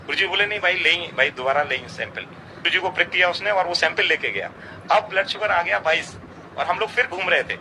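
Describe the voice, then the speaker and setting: A man's voice: high voice, expressive, a little fast, bright, forceful tone, low-quality recording. A middle-aged man earnestly recounting a devotional experience, quoting others in dialogue. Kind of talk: storytelling testimony. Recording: outdoor traffic noise behind.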